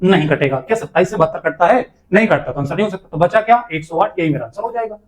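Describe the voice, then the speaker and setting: High-voiced male maths teacher. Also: animated, fast talker. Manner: patient, talks students through each step with questions; calls students "beta". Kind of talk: exam-prep maths lesson.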